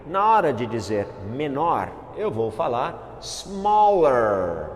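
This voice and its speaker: Male English teacher, lively exclamatory delivery, middle pitch, echoey hall sound. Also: slow pace, slight background noise. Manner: animated, exclamatory, emphatic. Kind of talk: classroom grammar lesson. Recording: echoey room with long reverb.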